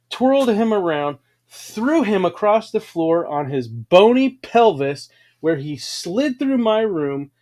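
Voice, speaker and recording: A man's voice: fairly high pitch, darkish tone. A man hosting a livestream, telling grand, boastful stories in a dramatic, preachy way. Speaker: livestream host. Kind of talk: grandiose motivational storytelling.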